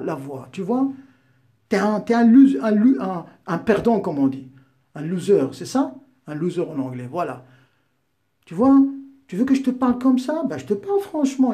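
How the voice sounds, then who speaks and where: A man in his fifties hurls taunts and insults in a heated rant. His voice sits high, yet its colour stays dark and mellow. He mocks as much as he argues. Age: 50s. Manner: insulting, mocking, combative. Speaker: YouTuber answering a critic.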